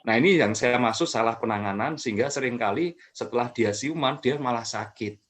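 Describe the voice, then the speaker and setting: Calm explaining man, mid-pitched. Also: a little fast. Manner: calm, explanatory, many fillers and restarts. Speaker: mental health expert guest. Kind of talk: explanatory talk.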